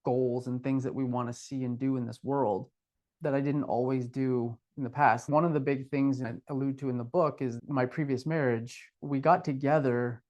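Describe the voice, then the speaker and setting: A man's voice: medium pitch, fairly even intonation, moderate pace, darkish tone. A middle-aged man co-hosting a podcast, talking candidly and reflectively about his past, with a self-deprecating streak. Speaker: podcast co-host. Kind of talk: casual conversational podcast.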